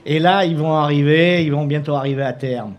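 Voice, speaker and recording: A man's voice: fairly high pitch, a little fast. A man serving as a mayor guest on a talk show, speaking politely and hesitantly, often laughing. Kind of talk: casual on-air interview.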